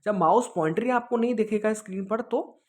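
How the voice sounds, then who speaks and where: An exam coach runs an informal online lesson, fielding student questions with high-pitched, fairly quick speech. He explains things over and over, checks in with students frequently and mixes in English words.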